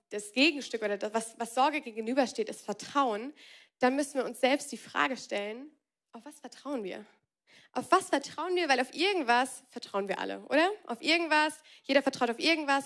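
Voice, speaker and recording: A young adult woman preaching a casual youth sermon, colloquial and energetic, with frequent restarts. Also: high voice.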